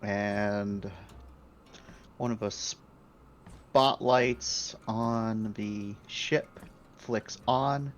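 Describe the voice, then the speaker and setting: Calm, slow-talking game master, a man. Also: lowish voice, slight background noise. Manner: calm, descriptive. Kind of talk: narrating a tabletop role-playing game.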